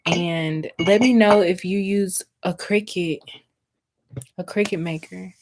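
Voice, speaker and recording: A woman's voice: lowish voice, steady tone, slow pace, noisy background. A young woman hosting a livestream, chatting directly to her viewers and reading aloud from a book with a few stumbles over words. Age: young adult. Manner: chatty, talks straight to viewers. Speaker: livestream host. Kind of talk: casual livestream chat.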